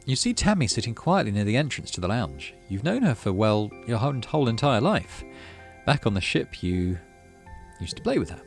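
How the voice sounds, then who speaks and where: Over soft background music, this man speaks in a sing-song, mid-range voice at a fairly quick clip. He's hosting a gaming video, narrating the story text on screen and tossing in relaxed remarks.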